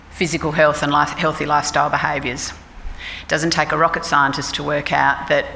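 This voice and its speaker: A woman's voice: low-pitched, vocal fry, pushed and bright, a little hiss or hum. Frank Australian woman in a hall. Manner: frank, conversational, self-deprecating. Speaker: clinical psychologist speaking at a forum. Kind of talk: informal public talk. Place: forum hall. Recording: reverberant hall with faint ambience.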